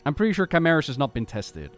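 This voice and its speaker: A man giving casual live gaming commentary as a streamer, thinking aloud in a halting way with repeated words. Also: on the high side, wildly swooping pitch, soft background music. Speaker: game streamer.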